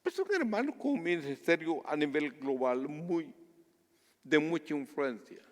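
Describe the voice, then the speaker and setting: A man from Guatemala preaching a sermon as pastor, earnest and measured, dropping to a hush for personal stories. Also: a little high, big pitch swings, long reverb tail.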